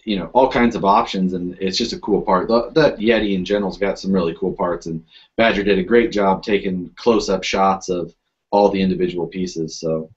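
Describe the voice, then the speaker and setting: A man's voice: low-pitched, steady tone, moderate pace, dull audio. A man hosting a casual podcast chat, rambling and filling his talk with "you know" and restarts. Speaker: podcast host.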